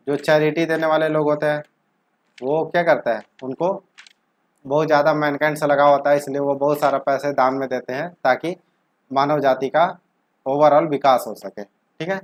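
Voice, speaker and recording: A young man with a slightly higher voice explains vocabulary, working through word roots. He poses a question, answers it himself, and often stretches a word slowly as he says it. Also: steady tone. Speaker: vocabulary teacher. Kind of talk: explanatory lesson with questions to the viewer.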